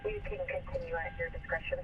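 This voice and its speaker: A man working as a police dispatcher, reading out terse, code-filled calls in a flat, businesslike way, heard over a police radio scanner. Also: on the high side, fast talker. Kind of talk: clipped dispatch calls full of codes. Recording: distant, lo-fi, noisy scanner radio.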